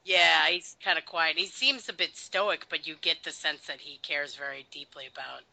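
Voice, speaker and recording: A man's voice: fairly high pitch, moderate pace, vocal fry, pushed and bright, low-quality recording. A man chatting casually on a podcast while watching a film, joking and quoting characters in mock voices. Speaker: podcast co-host. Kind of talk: casual movie commentary chat.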